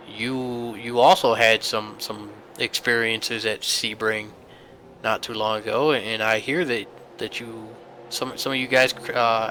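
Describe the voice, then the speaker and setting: Sim racing commentary comes from a young man stuffed up by a sinus infection, rambling along chattily with many fillers. His medium-pitched voice sounds pushed and bright, and the rough recording carries slight background noise.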